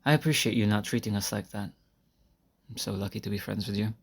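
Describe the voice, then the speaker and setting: At a quick pace, a man acts out a shy, earnest high school senior addressing his crush in an intimate audio roleplay, wistful and sincere. Soft-spoken and hesitant, he sighs and laughs a little, recorded amateurishly without a proper microphone.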